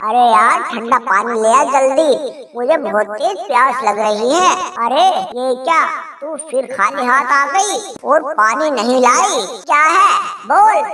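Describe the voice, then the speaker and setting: A short-tempered young cartoon husband, as a woman does him. He is gruff and exasperated and keeps making demands. The voice is echoey and far off. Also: high-pitched, lively intonation, measured pace, sharp tone, pitched below the performer's own voice, full character voice. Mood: demanding. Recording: roomy, distant echo.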